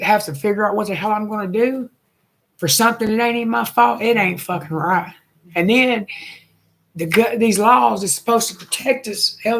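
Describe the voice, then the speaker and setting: A woman's voice: on the low side, slight background noise. A woman, a single mother venting in a blunt, emotional rant full of swearing and bitter laughs. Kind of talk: angry personal rant.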